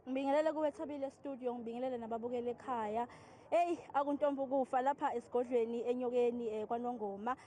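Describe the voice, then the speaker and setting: A woman with a Zulu accent reporting live and interviewing as a field news reporter, often pausing on fillers. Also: on the high side, fairly even intonation, dark tone.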